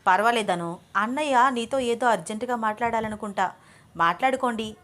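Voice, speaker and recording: A woman's voice: a little high, brisk, a bit bright, lightly acted. A woman voicing a cheerful young female student, speaking lightly and curiously.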